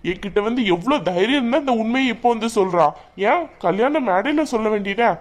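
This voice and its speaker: A woman's voice: fairly high pitch, animated, fast talker. Woman voicing an angry young husband. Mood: furious. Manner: shouting, demanding. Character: angry young married man, son. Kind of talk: cartoon voice acting.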